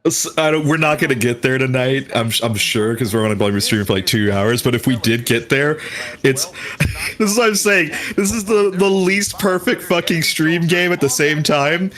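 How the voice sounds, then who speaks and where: A man's voice: a little high, lively intonation, moderate pace, fairly bright tone. A man co-hosting a casual game stream, joking and riffing with profane asides. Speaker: stream co-host. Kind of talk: casual gaming stream chat.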